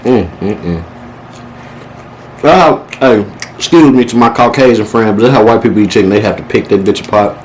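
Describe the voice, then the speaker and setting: A man's voice: lowish voice, brisk, a little hiss or hum, poor audio. A man hosting a casual eating show, talking with his mouth busy in a playful, exaggerated, slangy and profane way. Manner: talks while eating. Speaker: vlogger hosting a mukbang.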